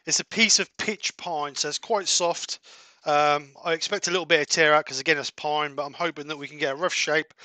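A man's voice: a little high, fairly even intonation, fairly quick, few pauses, bright, forceful tone, no room sound. A man hosting a casual woodturning livestream from his workshop, chatting and laughing easily while he works at a lathe. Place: home workshop at a wood lathe.

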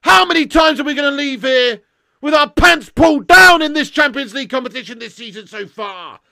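A man hosting a football watchalong, ranting and swearing heavily with sudden shouts. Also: very high-pitched, lively intonation, fairly quick, vocal fry, no room sound, clean studio sound. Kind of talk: live match reaction rant.

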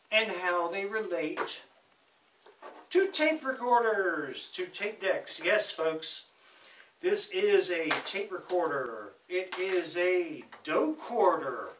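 Guy rambling about records and tape decks at home, high bright voice, kinda slow, mic a ways off in an echoey room. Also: slight background noise. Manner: chatty, joking asides, slow with sudden quick bursts. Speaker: vlogger talking about records and audio gear. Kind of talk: casual rambling talk to camera. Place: home room with audio equipment. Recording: roomy echo, mic at a distance.

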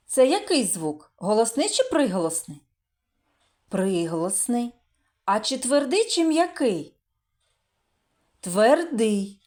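A woman teacher talks to small children in a slow, deliberate way, drawing out each sound so they can hear it. Her questions rise and fall in a lively, sing-song way, pitched a little high, and she answers them herself with praise. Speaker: primary school teacher. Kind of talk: recorded literacy lesson for young children.

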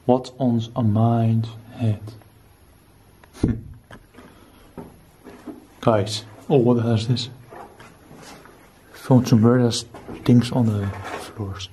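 A man's voice: medium pitch, fairly even intonation, drawn-out words, long pauses, dark tone, a little hiss or hum, low-quality recording. A man in his twenties talking casually and exclaiming in slang to viewers while exploring an abandoned house at night on a handheld camera. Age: 20s. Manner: exclamatory slangy talk, often addressing viewers. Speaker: urban exploration vlogger. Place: empty rooms and basement of an abandoned house. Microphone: handheld camera at arm's length.

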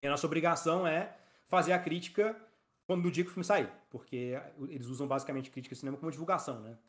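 A man, a company founder as a podcast guest, telling stories in an animated, slangy way. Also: on the high side. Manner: fast, animated storytelling with slang. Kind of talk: casual interview chat.

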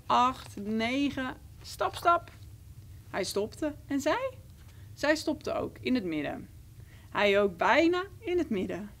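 A woman reading a romantic children's fairy tale aloud, expressive and rhythmic. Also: sits high. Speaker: storyteller. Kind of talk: children's story read aloud.

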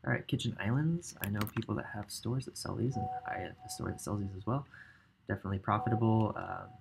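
A man's voice: lowish voice, fast, creaky, background noise. A man in his thirties giving a casual screen-share tutorial at a home desk, thinking aloud with frequent ums as he browses. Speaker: ecommerce coach. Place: indoor home office.

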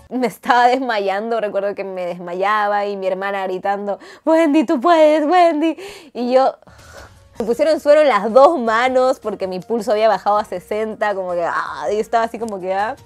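A woman with a Peruvian Spanish accent, telling a story to camera in a dramatic, animated way with crude slang. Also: mid-range voice. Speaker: vlogger.

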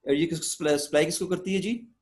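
A male lecturer with a Hindi-Urdu accent of northern South Asia speaks in a slightly high voice. He teaches live, repeating points and often adding short tags to check that students follow. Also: very fast. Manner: didactic, repetitive, frequent check questions and tags. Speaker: anatomy lecturer. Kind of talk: live online lecture, switching between English and Hindi-Urdu.

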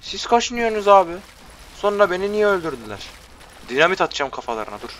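A man casually commenting while he plays a video game, loud and joking, scolding enemies, on a headset mic. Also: sits high, big pitch swings, quick pace, slight background noise. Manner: rowdy, swears at enemies, joking. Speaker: gameplay commentator. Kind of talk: casual let's play commentary. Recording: voice over game audio and music.

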